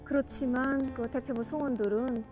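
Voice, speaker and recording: A woman with a North Korean accent recounts memories formally as a guest. Her voice is fairly high, and faint music plays behind her. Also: fairly even intonation, normal speed, darkish tone. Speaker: interview guest.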